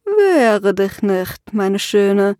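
A woman voicing a male vampire who lures his victim in a slow, hypnotic murmur. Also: mid-range voice, sing-song, a little mellow, dry recording, studio quality. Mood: seductive.

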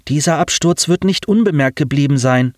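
A man's voice: a little high, moderate pace, dry recording, clean studio sound, pitched above the performer's own voice, lightly acted. A man doing a wary, blunt young wife. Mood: urgent. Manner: urgent, blunt warnings.

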